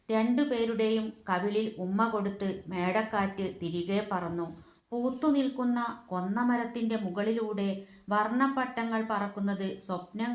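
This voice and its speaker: A middle-aged woman reads a children's school story aloud in a gentle, expressive way. Her voice is at a middling pitch, and the recording carries the echo of a bare room. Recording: echoey room.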